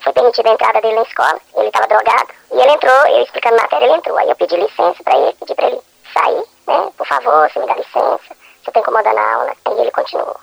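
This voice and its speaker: An anonymous woman teacher speaks through a voice distorter that leaves her sound gravelly and husky. Her pitch sits a little high and she talks quickly. The recording is dry and close. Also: no echo. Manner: fast, plain recounting of an attack. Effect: voice distorted to hide identity. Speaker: schoolteacher. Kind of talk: anonymous testimony in a news report.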